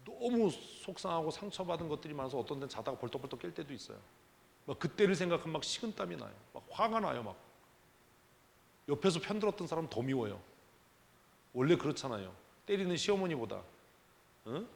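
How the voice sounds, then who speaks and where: A man's voice: fairly high pitch, very animated, fairly quick, gravelly, pauses often, big-room sound. A man preaching as pastor at a church prayer meeting, talking conversationally and emphatically with many rhetorical questions. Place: church sanctuary.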